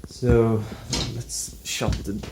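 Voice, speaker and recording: Slow, low-voiced young man vlogging at home. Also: little pitch movement, heavy background noise. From Sweden. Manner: slow and halting, with many restarts. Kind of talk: casual vlog. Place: at home indoors.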